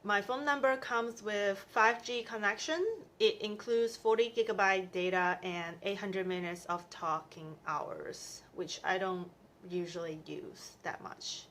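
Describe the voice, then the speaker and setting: In her casual explainer vlog, a vlogger from Taiwan in her thirties cheerfully lists what she spends each month. She speaks at medium pitch with a fairly bright tone, over slight hiss or hum.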